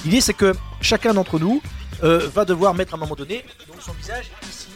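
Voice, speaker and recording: Male radio host, quick and high-pitched, hamming up a party game at a studio mic. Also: faint music behind. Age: adult with young children. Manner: playful, theatrical game-show patter. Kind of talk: lively radio banter. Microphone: studio microphone.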